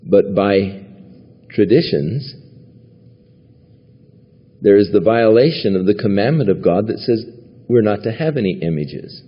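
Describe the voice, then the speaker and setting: This pastor's husky, lowish voice is lively in intonation, measured in pace, and broken by long pauses. He preaches in a church sanctuary, teaching from the Bible conversationally and chuckling at times, on a lo-fi recording with long hall reverb.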